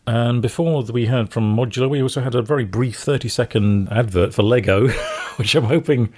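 A man's voice: medium pitch, moderate pace, darkish tone, breathy edge. A man co-hosting a music radio show in casual chat, chuckling often and hesitating with fillers.

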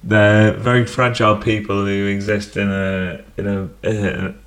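A man co-hosting a casual radio chat, ranting and swearing in quick bursts. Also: fairly low pitch, level tone. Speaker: radio co-host. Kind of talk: casual banter. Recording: music playing behind. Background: music.

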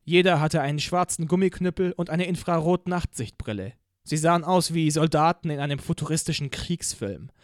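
A man's voice: on the high side, a little fast, no room sound, clean studio sound. A man reading a first-person audiobook with vivid, dramatic narration.

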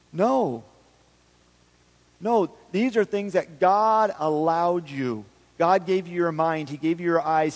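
A man with a fairly high voice preaches a sermon in a large church hall, and his words ring out with a long reverb. He swings between loud, emphatic lines and hushed, quiet ones, and slips into short imagined voices to make his points. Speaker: pastor.

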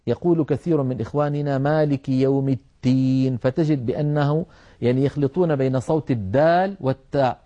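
A middle-aged man with a dark, mellow tone teaches Quran recitation. He talks at a measured pace, explaining step by step and sounding out individual letters so learners can copy them. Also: on the high side, lo-fi sound. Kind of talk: televised tajweed lesson.

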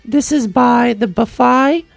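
A woman hosts a casual podcast in a high voice full of heavy fry. Her delivery is drawn out and welcoming, with a sing-song lilt. Faint music plays behind her. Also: takes it slowly, dry recording. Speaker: podcast host.

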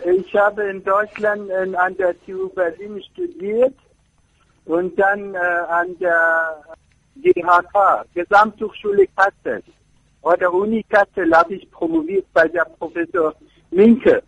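High gravelly man, halting. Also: sing-song, fairly bright tone, rough recording. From Afghanistan. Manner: halting, searching for words in a second language. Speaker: architecture professor, interview guest. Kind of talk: radio interview answers.

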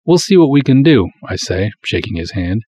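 With a fairly low, dark voice, a breathy edge and big swings in pitch, a man at normal speed narrates a pulp detective story as a proud, folksy small-town cop. He's confident and casual, wisecracking in a breezy, colloquial, hard-boiled way through this dramatic first-person telling. The audio is dull, with no room sound.

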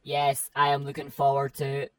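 A performer voicing a deadpan robot sidekick with a flat robotic computer voice, speaking from some distance off the mic. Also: mid-range voice, moderate pace. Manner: deadpan, announces its own programs. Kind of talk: comedy sketch dialogue.

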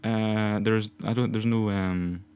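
A man's voice: fairly low pitch, steady tone, slow pace, a little mellow, smooth. A Glaswegian man in his twenties, co-hosting a casual podcast chat, rambling and laughing often. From Scotland. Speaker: podcast co-host.

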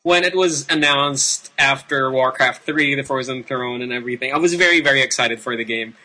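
A Filipino man hosts a casual gaming show. His mid-pitched voice is very bright and sharp, with a Filipino accent. He rambles unscripted and leans emphatically on repeated words. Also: a little fast, rough recording. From Philippines. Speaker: video game show host. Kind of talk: casual, unscripted game commentary.

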